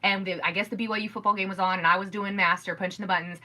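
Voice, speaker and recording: A middle-aged woman hosting a casual podcast from home, telling stories in a rambling, animated way. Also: medium pitch, very fast. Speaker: podcast host. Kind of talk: casual chat.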